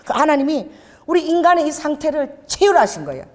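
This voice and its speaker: Lively, fast-talking woman pastor preaching. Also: sits high, long reverb tail. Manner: animated storytelling with laughs and quoted voices. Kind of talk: sermon. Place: church sanctuary.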